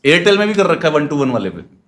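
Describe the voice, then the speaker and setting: A man's voice: a little high, big pitch swings, fast talker, slight background noise. A man with a Haryanvi accent chatting as a stream guest, telling easygoing stories and laughing often. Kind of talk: casual chat on a live stream.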